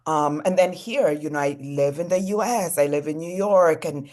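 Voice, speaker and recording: A woman's voice: sits low, moderate pace. A young adult woman from Congo, a fashion designer guest, talking casually in an interview, filling her speech with "you know" and "like". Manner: relaxed, many "you know" and "like" fillers.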